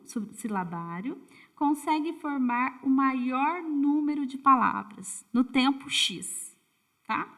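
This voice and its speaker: A woman's voice: a little high, fairly bright tone. A woman giving a casual online lesson, speaking to her viewers with frequent tag questions and self-corrections. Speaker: teacher explaining literacy methods.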